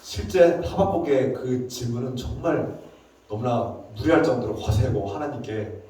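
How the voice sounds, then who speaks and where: A male pastor preaching a sermon in an animated, emphatic way, with the odd chuckle. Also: mid-range voice, normal speed. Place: church sanctuary. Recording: echoey church hall, distant mic.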